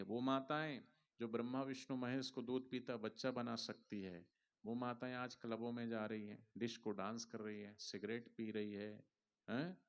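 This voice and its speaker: Male spiritual teacher, mid-pitched voice, playful preachy sermon delivery with chants and acted-out stories. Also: vocal fry. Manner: preachy, playful, acts out anecdotes and leads chanting. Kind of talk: devotional sermon. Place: large outdoor religious gathering.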